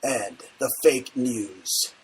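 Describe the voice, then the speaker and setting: A male talk show host putting on an airline captain making a slow, measured cabin announcement. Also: medium pitch, husky, pitched below the performer's own voice, heavily acted, low-quality recording. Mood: mock-solemn.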